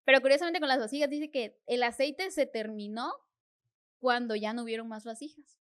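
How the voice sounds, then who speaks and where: A woman's voice: a little high, fairly quick, smooth. A young adult woman, a podcast guest, tells a personal faith testimony in an earnest way and acts out her prayers as dialogue.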